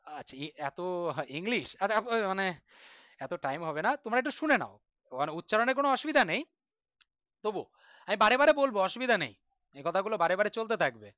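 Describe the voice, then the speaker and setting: Male teacher, bright and crisp, patient explainer who chants drills; dry, dull lo-fi sound. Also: sits high, big pitch swings, fast talker, long pauses, no echo. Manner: patient, reassuring, recites syllables in a chant. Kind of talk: online grammar class.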